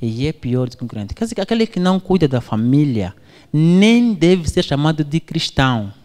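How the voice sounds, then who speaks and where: A man from Angola preaching a sermon, telling a story with his voice swinging up and down. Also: moderate pace. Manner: animated storytelling, voice swings high and low. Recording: long hall reverb.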